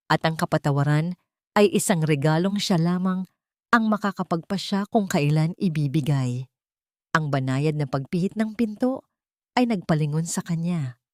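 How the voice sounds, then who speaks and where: Narrating a scripted dramatic tale, this Filipino-accented woman has a voice on the low side with a darkish tone. The sound is studio quality and free of echo.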